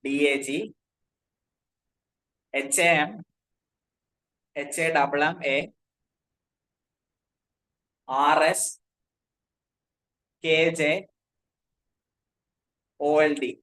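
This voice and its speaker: Indian man spelling out names slowly. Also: on the high side, fairly even intonation, fairly bright tone, poor audio. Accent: Indian English. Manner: spells words out letter by letter, repeats himself. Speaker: teacher. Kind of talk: classroom lecture dictating notes.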